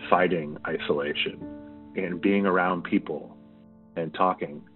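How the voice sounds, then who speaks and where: Deep-voiced man on a tinny phone line. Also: fairly even intonation, measured pace, soft background music. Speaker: caller. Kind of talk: casual voicemail.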